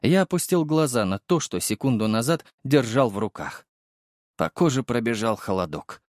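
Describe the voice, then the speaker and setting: A man narrating a first-person audiobook, storytelling lively and voicing the characters. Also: mid-range voice, moderate pace, no echo, studio quality.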